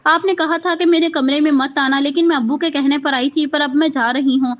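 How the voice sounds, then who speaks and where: Cast note: a woman voicing a scared, hesitant young wife, high voice, dull lo-fi audio. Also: steady tone, a little fast, natural voice. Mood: timid. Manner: hesitant, timid. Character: frightened timid young wife.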